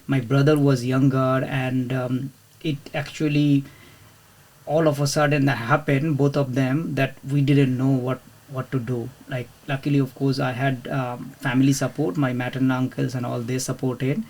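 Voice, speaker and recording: A man in his thirties from India, talking as an interview guest at a middling pitch. He speaks hesitantly, with many fillers and restarts, in a casual way. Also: little pitch movement, moderate pace, a little mellow. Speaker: podcast guest, property investor.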